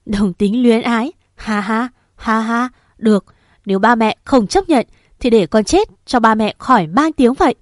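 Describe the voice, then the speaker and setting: A desperate, defiant young man who speaks out bitterly and with force, as a woman storyteller voices him. His lines sound high and loud, recorded dry and close. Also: moderate pace, no room sound, lightly acted. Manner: raised, pleading and defiant.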